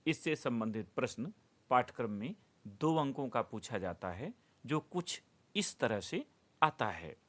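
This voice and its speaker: Man teaching grammar in slow, deliberate steps. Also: mid-range voice. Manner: slow, deliberate, dictation-like enumeration. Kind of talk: explanatory classroom lesson.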